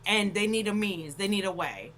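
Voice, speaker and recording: A woman's voice: mid-range voice, animated, moderate pace, fairly bright tone, slight background noise, low-quality recording. A woman hosting a casual panel discussion, talking in a blunt, emphatic way and swearing freely.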